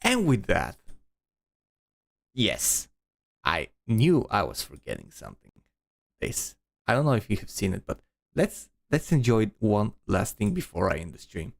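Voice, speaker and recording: A man's voice: on the low side, huge pitch swings, unhurried, gravelly, pauses often. A man streaming, giving rambling casual commentary with many restarts and repeated words.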